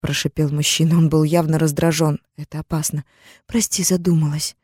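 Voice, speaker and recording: A woman narrating a story in the first person with a tense, steady dramatic reading. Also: deep voice, brisk, no echo, studio quality. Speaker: audiobook narrator.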